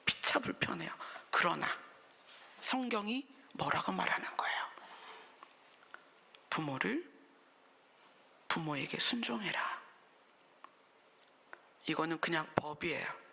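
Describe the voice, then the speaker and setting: Woman pastor, bright tone with fry, chatty sermon delivery, leans on rhetorical questions and whispered asides. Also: lowish voice, expressive, slow, long pauses, in a large hall. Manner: conversational preaching with rhetorical questions, dropping to whispers. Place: church sanctuary.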